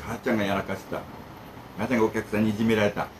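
A man's voice: lowish voice, little pitch movement, rapid-fire, noisy background. A man who runs a bento shop, talking casually and rambling to camera, jumping between complaints and advice. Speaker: bento shop owner and channel host.

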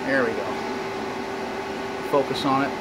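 An amateur radio hobbyist gives a casual, hands-on tour of his equipment in a small indoor room with radio racks, explaining and thinking aloud as he goes. His medium-pitched voice has fairly even intonation and is a little slow. He holds the camera or phone himself, and loud fan and ventilation noise fills the recording.

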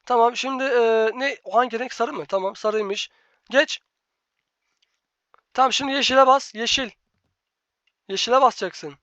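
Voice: medium pitch, moderate pace, pauses often, fairly bright tone, no room sound, muffled recording. A gaming channel host giving live gameplay commentary, bossy and exasperated, repeating instructions over and over to a teammate.

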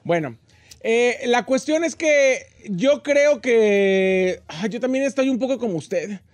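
Radio co-host, man, very high voice, playful teasing, dry close sound. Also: lively intonation, slow, no echo. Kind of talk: casual radio banter. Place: radio studio.

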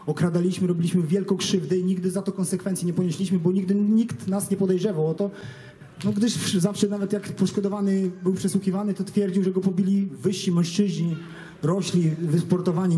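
A man giving an earnest, halting personal testimony to an audience, with many restarts, nervous before the crowd. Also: high-pitched, mellow. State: nervous, stage fright.

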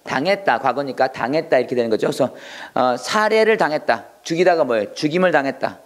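A man teaching English vocabulary in a video lesson, repeating words slowly and acting out little taunts. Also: medium pitch, animated.

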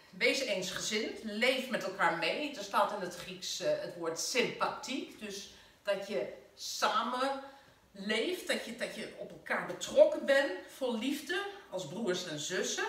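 A woman with a Dutch accent, a spiritual caregiver giving a gentle, conversational sermon from home. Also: mid-range voice, distant mic. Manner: gentle, conversational preaching with fillers. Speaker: spiritual caregiver leading a service. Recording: very echoey room, voice off-mic.

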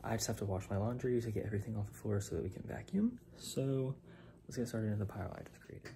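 A man's voice: on the low side, fast, dark tone, slight background noise, rough recording. A young man talking casually in a home cleaning vlog, chatty and full of "like" fillers, filmed on a phone in his bedroom. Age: young adult. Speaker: vlogger. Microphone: phone camera, moving around the room.

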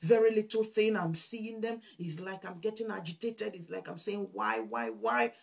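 A woman's voice: medium pitch, normal speed, vocal fry. A woman preaching a fervent sermon, reading scripture aloud, repeating phrases for emphasis and calling her listeners brethren. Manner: fervent, repeats phrases, swells loud on scripture, drops soft on asides.

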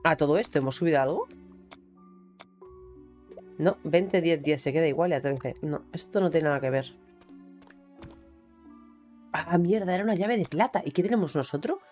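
A woman's voice: low voice, normal speed, pauses often, darkish tone. A woman with a Spain Spanish accent giving casual gameplay commentary, chatty and exclamatory and swearing casually. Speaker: gaming streamer. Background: faint game music.

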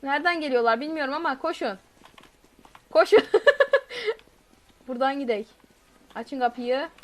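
Her high voice keeps a measured pace as she plays a game live, talks with her audience, and reads chat messages out loud, letting out shrieks when something chases her.

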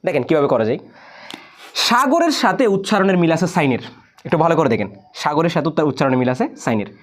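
A man's voice: a little high, big pitch swings, fast. A man with a Bangladeshi Bengali accent teaching a math lesson, explaining step by step and repeating key words. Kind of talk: recorded classroom lesson.

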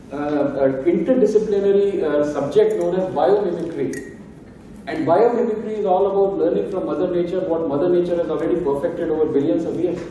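A man with a high-sitting, dark-toned voice delivers a conversational, emphatic keynote in a large conference hall, often tagging his points with "right?". He uses a handheld mic but is recorded from a far camera, so the hall sounds echoey, distant and muffled, with a little hiss or hum.

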